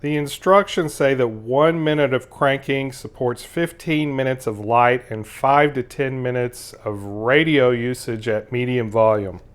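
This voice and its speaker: Speaking with a clean tone in a mid-range voice, a man demonstrates a gadget hands-on. His review is casual yet methodical, with each step explained as he goes.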